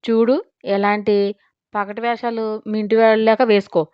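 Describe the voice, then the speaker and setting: A woman's voice: a little high, steady tone, brisk, clear, resonant tone, no echo, muffled recording, natural voice. A woman voicing a blunt, irritated young woman who speaks sharply in an audio story. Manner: sharp, shouting.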